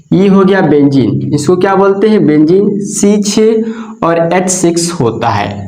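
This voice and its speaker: A man's voice: sits high, darkish tone. A man teaching a chemistry lesson, asking himself questions and then answering them as he explains. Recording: echoey room.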